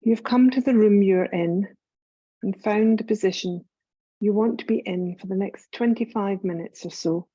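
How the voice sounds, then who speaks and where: A yoga nidra teacher guides a scripted meditation in a calm, soothing mid-range voice, unhurried and with long pauses between phrases. The recording is muffled, with no room sound.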